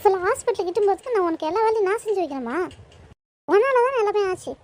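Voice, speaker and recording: A woman's voice: extremely high pitch, expressive, very fast, music in the background. A woman voicing a busy cartoon mother who scolds and nags her two daughters. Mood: nagging. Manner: scolding, nagging. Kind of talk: cartoon voice acting.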